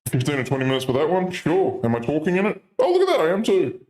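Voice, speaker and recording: A man's voice: a little high, wildly swooping pitch, quick pace, darkish tone, reverberant. A man talking through a voice changer, casual and wisecracking, joining a live reenactment reading. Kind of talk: casual joking chat.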